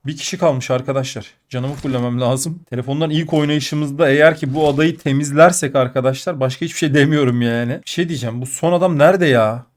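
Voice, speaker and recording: A sick man with a blocked nose and a muffled, nasal voice, giving excitable gameplay commentary that jumps between muttering and outbursts. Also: a little high. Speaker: mobile game player.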